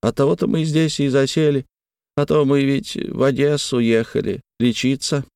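A man's voice: mid-range voice, normal speed, darkish tone, clear, resonant tone, no room sound, clean studio sound, voice pushed up, lightly acted. A man playing a fussy, fawning old servant. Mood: mournful. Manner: fussy, eager, repeats words.

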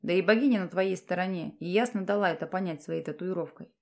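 A woman voicing a low, hushed noble commander. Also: fast, natural voice. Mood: tender. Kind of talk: audiobook character voice.

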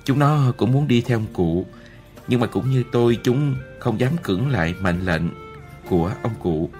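Steady male audiobook narrator. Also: mid-range voice, faint music behind. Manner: measured, steady storytelling. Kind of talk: first-person novel narration.

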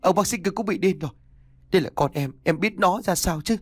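A man voicing a young pregnant wife who is fierce and terrified, with a shrill, pleading manner. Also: lively intonation, normal speed, dry recording. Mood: furious.

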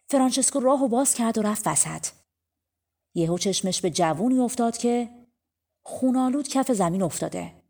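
A woman's voice: medium pitch, a little mellow. A woman narrating a folk tale audiobook in a casual, colloquial storytelling manner.

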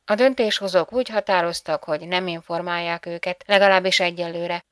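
A woman reading the part of a composed female psychologist speaking gravely in an audiobook. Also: fairly low pitch, fairly even intonation, no room sound, clean studio sound, lightly acted.

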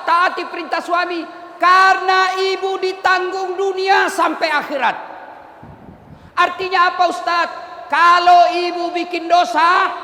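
A man preaching a humorous sermon to a women's study group, lively and teasing, shouting his punchlines, in an echoey hall. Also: very high voice. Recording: echoey hall with faint ambience.

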